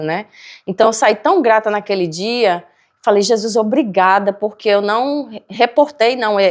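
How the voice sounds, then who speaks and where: A woman co-hosting a faith podcast, telling a personal story with lively acted-out dialogue. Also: medium pitch. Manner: animated, acts out dialogue in her stories. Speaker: podcast co-host. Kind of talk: faith-based storytelling chat.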